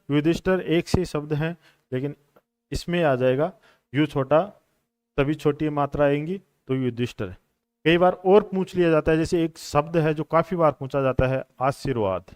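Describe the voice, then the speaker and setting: A man's voice: mid-range voice, a little mellow, clear, resonant tone, dry recording, clean studio sound. Patient male teacher. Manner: explains patiently, repeats answers, addresses students as brothers and friends. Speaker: exam coaching teacher. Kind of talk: classroom lecture on Hindi exam questions.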